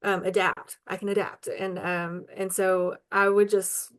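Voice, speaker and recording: A woman's voice: medium pitch, level tone, unhurried. A woman answering interview questions in an earnest, chatty way, with many ums and likes. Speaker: local advocate interviewed as guest.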